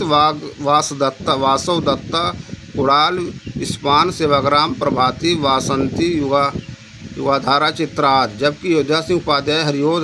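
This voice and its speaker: A man tutoring exam questions, repeating key phrases and drawing out each answer option. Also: a little high. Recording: noisy background with passing traffic.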